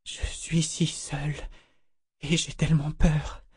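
A haunted young woman, as a male narrator puts her on, fragile and frightened, her soft voice trembling and slipping into whispers. The tone is husky and dark in a dry, close storybook reading. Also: medium pitch, steady tone, normal speed, no room sound, natural voice. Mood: terrified.

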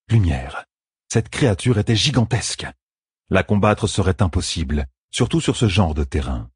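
Deep, very husky male narrator. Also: darkish tone, dry recording, clean studio sound. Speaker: audiobook narrator. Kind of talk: scripted fantasy narration.

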